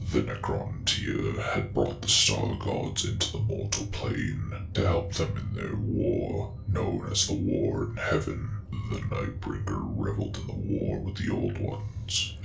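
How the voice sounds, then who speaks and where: A man playing a gruff space marine in a whispered role-play, slowly and solemnly reciting ancient war lore in a breathy, gravelly voice. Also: extremely low pitch, heavily acted. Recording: roomy echo with music behind.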